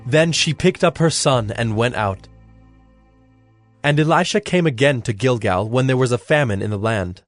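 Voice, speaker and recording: A man reads scripture aloud in a measured, steady narration, at an ordinary pitch. Soft music sits faintly beneath his voice. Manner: measured, even reading. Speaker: scripture reader.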